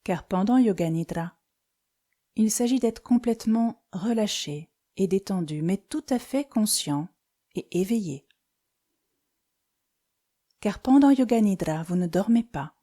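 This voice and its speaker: This is a guided yoga nidra meditation led by a female instructor with a medium-pitched voice. She keeps her phrases short and her tone calm and soothing, pausing often.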